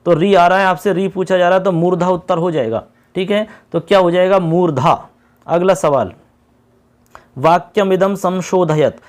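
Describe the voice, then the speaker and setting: A man teaching an exam-prep lesson, patiently repeating key points and reading questions out slowly. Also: high voice.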